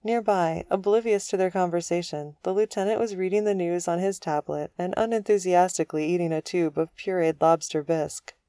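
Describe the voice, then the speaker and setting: A woman narrating an audiobook in a calm, even storytelling manner. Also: lowish voice, brisk, hardly any pauses, smooth, dry recording, studio quality.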